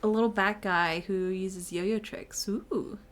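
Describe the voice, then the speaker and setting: Against game music, a variety streamer and VTuber live-streams a game with casual commentary, cute, bubbly and giggly. Her mid-range voice stays steady and slow.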